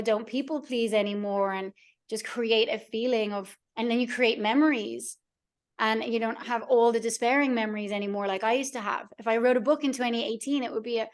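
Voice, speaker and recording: A woman coach with a fairly high voice leads a live workshop over a video call. She is soothing and encouraging and keeps checking in with her listeners as she guides them. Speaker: mind-body coach.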